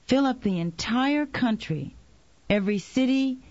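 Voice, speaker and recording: A woman leading a guided meditation, giving slow, calm instructions. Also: on the high side, no room sound, dull audio.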